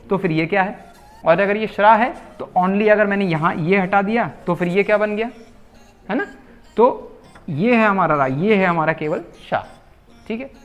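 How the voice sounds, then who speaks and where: A man teaching correct Hindi spelling, repeating words slowly and asking the viewers rhetorical questions. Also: high voice. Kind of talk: explaining spelling at a whiteboard.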